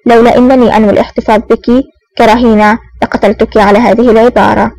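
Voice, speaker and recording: A woman's voice: fairly high pitch, steady tone, fast talker, creaky, darkish tone, poor audio. A woman voicing a cruel, sneering older male villain agent in an audiobook, threatening and blunt. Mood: menacing.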